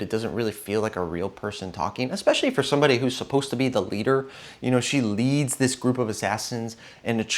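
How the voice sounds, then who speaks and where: A young man giving a frank, opinionated spoken movie review, with frequent fillers and restarts. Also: mid-range voice.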